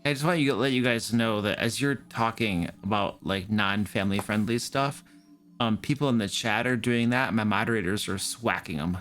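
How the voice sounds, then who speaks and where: A man's voice: fairly low pitch, normal speed, a bit bright, soft background music. A man running a tabletop game as game master, teasing his players and laughing often. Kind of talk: casual tabletop game chat.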